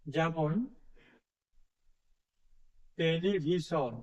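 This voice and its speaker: A man tutoring English, explaining a lesson in a slow classroom manner and drawing out each example word. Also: a little high, steady tone, darkish tone, dull audio. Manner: slow, deliberate, drawn-out example words.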